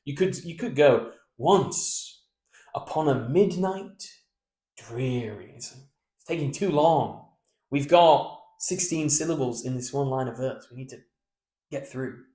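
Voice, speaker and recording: A man coaching verse speaking, explaining meter and stress and breaking into hushed read-aloud examples. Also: mid-range voice, roomy sound. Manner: breaks into slow, hushed recitation to demonstrate; chanting rhythm syllables to show meter. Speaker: voice and speech coach.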